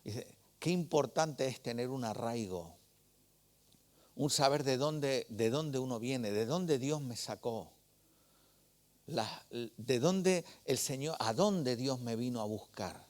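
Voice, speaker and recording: A male preacher delivers a sermon in a relaxed, storytelling tone. He talks to the congregation like a friend and keeps checking in with short questions. His voice sits at an ordinary, middle pitch for a man. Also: takes it slowly.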